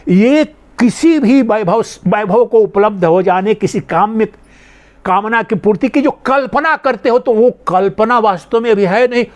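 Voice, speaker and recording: An older man gives a conversational spiritual discourse, his voice sitting noticeably high for a man. He speaks as a swami explaining scripture and now and then acts out imagined speakers in a lower, quieter voice. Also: unhurried. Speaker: swami giving a Gita discourse.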